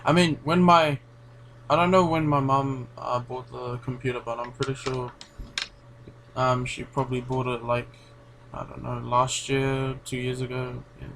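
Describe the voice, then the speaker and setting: A man's voice: mid-range voice, level tone, a little slow, vocal fry, fairly bright tone, slight background noise. A man hosting a reaction video, chatting casually in a rambling, filler-heavy, laid-back way. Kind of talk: casual commentary.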